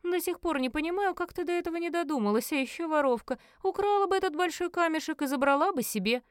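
A mocking young male dark mage, as a woman reader puts him on taunts in a lifted, light tone. His speech is smooth and sly. The recording is dry and close. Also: high-pitched, a little fast, dry recording, voice pushed up, natural voice. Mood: taunting.

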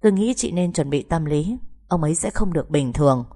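A composed hospital doctor who delivers hard news plainly, read by a woman narrator. The voice is low and dark-toned, with measured, explanatory phrasing. Audiobook storytelling. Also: expressive. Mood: grave.

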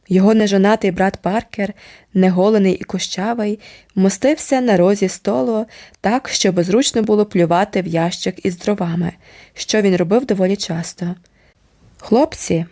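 A woman narrating an audiobook of a novel in a steady, even storytelling manner. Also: mid-range voice.

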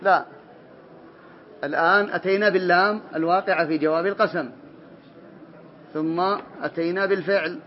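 A man's voice: sits high, steady tone, moderate pace, long pauses, a little hiss or hum. A man teaching a classroom grammar lesson, drilling students, calling on them by name and correcting their answers. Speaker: teacher of Arabic morphology. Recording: dull lo-fi classroom recording.

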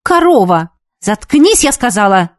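A woman voicing a bossy teenage ballet student who shouts orders at the others. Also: a little high, very animated, a little slow, no echo, clean studio sound. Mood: commanding. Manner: shouting, commanding.

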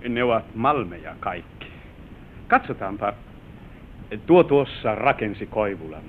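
In an old Finnish radio play, a male actor gives a gallant, expressive stage performance as an affectionate young newlywed proudly showing his bride the family manor. The mood is tender and festive, and the vintage recording is narrow-band, hissy and rumbling.

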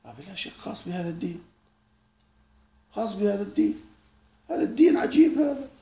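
A man gives a spontaneous lecture on a classical text. His voice is high and gravelly, and his pitch leaps widely as he fires off rhetorical questions. The sound carries the echo of a lecture room. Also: quick pace. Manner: animated, rhetorical questions, laughing asides. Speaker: sheikh teaching a classical text.

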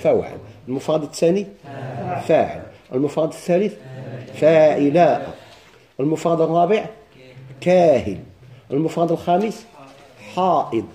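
A man with a Moroccan Arabic accent teaching a grammar lesson, quizzing students with quick questions and answers. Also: a little high, sing-song, dark tone. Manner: chants verse slowly.

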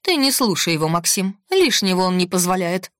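A woman voicing a fiery, indignant cook who rattles on in a shrill voice. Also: sing-song, fairly quick, a bit bright, dry recording, studio quality.

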